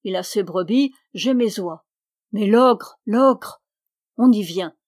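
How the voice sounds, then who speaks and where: A woman reading the part of a young peasant girl who keeps geese, chatty and proud, speaking in a lively, folksy country way. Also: mid-range voice, slow pace. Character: peasant girl goose-keeper, chatty, proud, quick-tempered.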